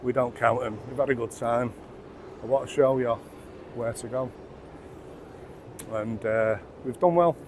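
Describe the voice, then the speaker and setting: A tipsy man with a Mancunian accent, vlogging a pub crawl and chatting loudly and boisterously to camera on a city street. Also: medium pitch, measured pace, pauses often, noisy background. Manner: loud, boisterous banter. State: tipsy after many beers. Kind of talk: casual chat to camera.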